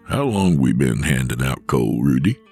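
A man playing a deep gravelly vigilante Santa. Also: big pitch swings, normal speed, dark tone, soft background music, heavily acted. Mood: earnest. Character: huge gruff male vigilante Santa, calm and steady. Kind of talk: audio drama.

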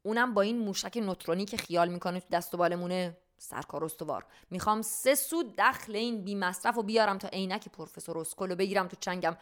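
A woman's voice: medium pitch, few pauses, lightly acted. A woman voicing a blustering, dim-witted male army general in a storybook reading, barking orders.

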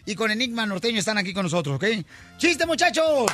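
Male host, very high voice, rowdy and teasing, music under him. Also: animated, very fast. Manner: loud, teasing, laughs often. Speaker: radio show host. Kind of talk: rowdy live studio banter.

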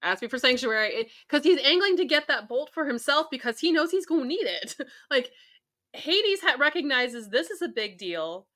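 A woman co-hosting a podcast, talking in an animated, excitable way in casual chat. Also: sits high, normal speed. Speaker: podcast co-host.

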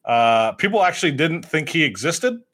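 Thirties guy hosting a podcast, bright voice, bouncy up and down, laughs a lot. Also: a little high, big pitch swings, normal speed. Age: 30s. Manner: laughs often, rambling with restarts. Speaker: podcast host. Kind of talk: casual podcast chat.

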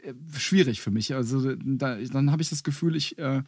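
Husky-voiced man, hesitant chat. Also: medium pitch, moderate pace, darkish tone, no echo. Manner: hesitant, fillers and self-corrections. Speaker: podcast co-host. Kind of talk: casual chat.

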